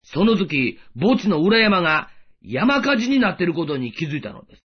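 A male preacher gives a sermon in a high, lively voice that swings up and down. His tone is a little husky. The recording sounds dull and lo-fi. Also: normal speed. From Japan. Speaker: pastor.

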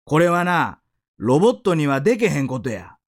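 A man's voice: fairly high pitch, big pitch swings, moderate pace. A man voicing a stern but caring band teacher from Osaka, who talks bluntly and barks questions at his students in an Osaka accent. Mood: stern questioning.

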